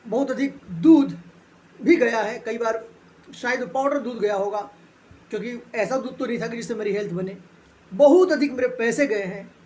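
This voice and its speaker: A man's voice: very high-pitched, a little hiss or hum. A man hosting a personal finance video, telling a personal story in a chatty, motivational way and mixing English phrases into his talk. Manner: addresses viewers as friends.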